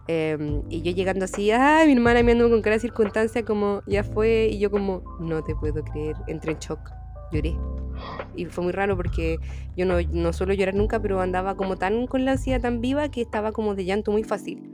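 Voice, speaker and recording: A young woman with a Chilean accent telling a story in casual chat, animated and acting out the people she quotes. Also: fairly quick, faint music behind. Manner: animated, acts out quoted people in sudden high voices. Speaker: podcast co-host.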